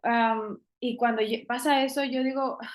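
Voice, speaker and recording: A woman's voice: fairly high pitch, fairly even intonation, normal speed. Earnest woman telling her testimony. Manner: earnest, many restarts, mixes in English phrases. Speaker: guest sharing a testimony. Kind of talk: casual testimony conversation.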